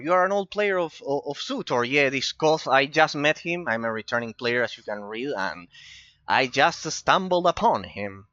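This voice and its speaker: A man's voice: mid-range voice, pushed and bright, dry recording, dull audio. An Argentine man and native Spanish speaker, chatting casually while streaming a game, with an accent, repeating himself and laughing often. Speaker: gaming streamer. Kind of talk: casual chat over gameplay.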